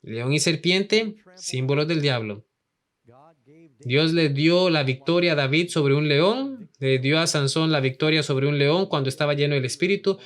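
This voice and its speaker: Un hombre que enseña una lección bíblica en español y hace muchas preguntas al público. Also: male voice, on the high side. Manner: asks the audience many questions. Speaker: Bible teacher. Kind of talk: Bible study lesson in Spanish.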